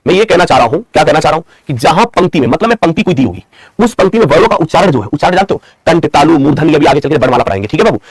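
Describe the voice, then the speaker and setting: A man's voice: fairly high pitch, expressive, racing, breathy edge, dry recording. A man teaching an online Hindi grammar class, repeating each point as a question and its answer, calling his students his children and brothers, and dictating definitions word by word. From India. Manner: affectionate teacher's address to students.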